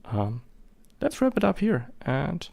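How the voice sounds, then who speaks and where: A slightly high, creaky, darkish voice swings hugely in pitch as this photography vlogger talks slowly. In his thirties and a native German speaker, he speaks English with a German accent, rambling casually with many fillers and hesitations.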